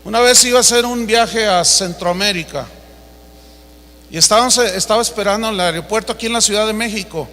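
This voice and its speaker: Preacher, very high bright voice, emphatic storyteller, roomy hall reverb. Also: male voice, brisk, slight background noise. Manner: storytelling, emphatic, direct address to the congregation. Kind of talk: sermon.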